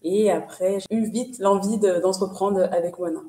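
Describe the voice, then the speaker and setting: A woman's voice: mid-range voice, steady tone, normal speed, mellow, far from the mic. Young woman from the Paris region, casual and chatty, set back from the mic in an echoey room. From Paris region, France. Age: 20s. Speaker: guest entrepreneur. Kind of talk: casual interview answers. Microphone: shared webcam on video call.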